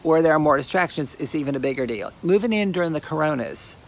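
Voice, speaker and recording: A man's voice: fairly high pitch, lively intonation, fast talker. A man sending an effusive, rambling video greeting from his trailer, full of encouragement and advice. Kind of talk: personal video message.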